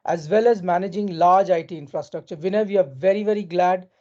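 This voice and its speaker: Female corporate host, posh Indian accent, lowish relaxed tone, measured formal delivery. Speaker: event host. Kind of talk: formal corporate presentation and introductions. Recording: dull, lo-fi audio.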